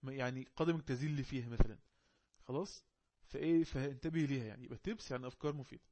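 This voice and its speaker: A man with an Egyptian Arabic accent, teaching an online English lesson. He reads the English text slowly and explains it quickly in Arabic. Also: mid-range voice, dark tone.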